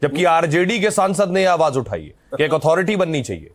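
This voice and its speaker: Probing male interviewer, fairly high voice. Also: lively intonation, brisk. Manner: probing, challenging. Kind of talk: pointed interview questioning.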